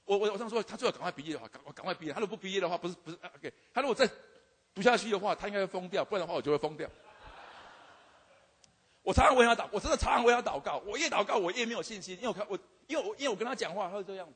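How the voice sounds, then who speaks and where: A man's voice: high voice, lively intonation, racing, fairly bright tone, slightly rough. An older man, a university teacher, tells a humorous testimony about his students, stammering and repeating himself with frequent "OK" fillers. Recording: long hall reverb.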